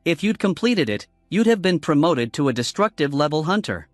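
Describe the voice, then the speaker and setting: A man voicing a scheming male official who speaks with a forced, measured calm. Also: on the high side, dry recording, clean studio sound, faint music behind. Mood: guarded.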